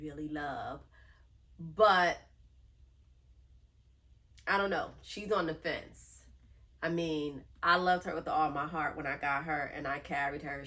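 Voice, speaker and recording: A woman's voice: low-pitched, bright, forceful tone. A woman vlogger with a nasal voice chatting casually to camera, drawing out words for emphasis. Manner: chatty, drawn-out emphasis, affectionate. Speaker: handbag collection vlogger.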